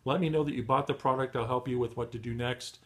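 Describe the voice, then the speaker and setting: A middle-aged man giving a motivational training talk to beginners, encouraging and full of fillers and restarts, his voice going hoarse. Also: medium pitch, fairly even intonation, quick pace. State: losing his voice. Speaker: online marketing trainer.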